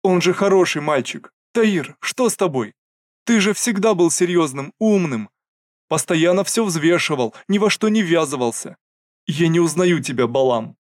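A man's voice: on the high side, expressive, normal speed, dry recording, studio quality, pitched above the performer's own voice, lightly acted. A man voicing an elderly mother who wails and pleads through tears. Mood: pleading. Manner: wailing, pleading.

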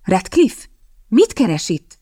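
A woman's voice: mid-range voice, lively intonation, darkish tone, no room sound, clean studio sound, close to an everyday voice. A woman reading the lines of a tearful, stubborn young lady in a plaintive tone.

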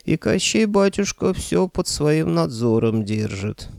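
A man's voice: on the high side, sing-song, measured pace, gravelly, a little mellow, no echo, clean studio sound, voice pushed up, heavily acted. A man voicing a stern, folksy old grandfather who speaks firmly. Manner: folksy, firm.

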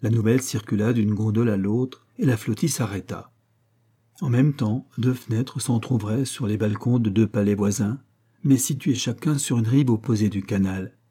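A man narrating a literary story in a measured, expressive reading style. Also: on the low side, husky. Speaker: audiobook reader.

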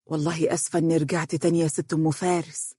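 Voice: mid-range voice, quick pace, no echo, clean studio sound, pitched above the performer's own voice, close to an everyday voice. A narrator voicing a shy, apologetic middle-aged neighbor woman with an Egyptian accent.

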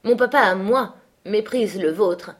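A whiny, taunting sickly teenage boy, put on by a woman reading a novel aloud. He wheedles and needles in a slightly raised voice of middling pitch. The delivery is read from a book, plainly narrated. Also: moderate pace, natural voice.

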